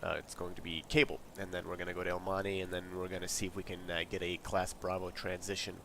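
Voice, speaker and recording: Here a congested streamer with a low voice and quick pace casually narrates a flight sim checklist. He rambles in a relaxed way and reads out each item, and his desk mic yields a noisy home recording.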